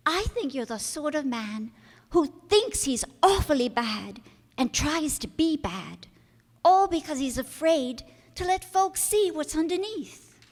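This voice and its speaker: A woman voices an innocent young girl in an old-time radio drama, using a high, full character voice. She chides gently with earnest, trusting frankness, speaking at a measured, sing-song pace. A long hall reverb surrounds her.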